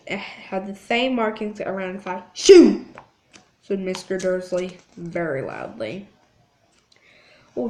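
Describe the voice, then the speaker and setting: A woman hosting her channel, reading a book aloud in a halting way, often restarting lines. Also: medium pitch, darkish tone.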